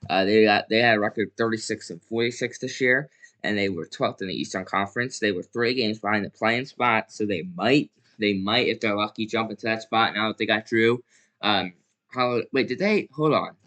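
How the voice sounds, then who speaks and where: A man's voice: lowish voice, normal speed, fairly bright tone. A young man casually giving his opinions on basketball, rambling and correcting himself with lots of fillers. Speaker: basketball commentator. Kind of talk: casual solo sports commentary.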